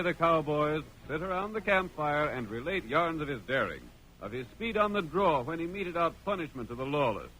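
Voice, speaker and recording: An American announcer narrates a vintage radio western in an emphatic, declamatory, dramatic scripted style. His voice is a little high and sharp, heard through the low-quality sound of an old radio broadcast.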